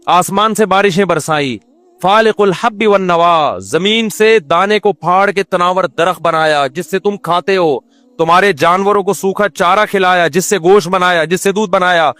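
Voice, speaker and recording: Male preacher with a Pakistani Urdu accent, high voice, lively and questioning, dry close sound. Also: no echo. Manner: lively, rhetorical questions, recites Quranic Arabic. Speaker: Islamic scholar giving a sermon. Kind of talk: sermon.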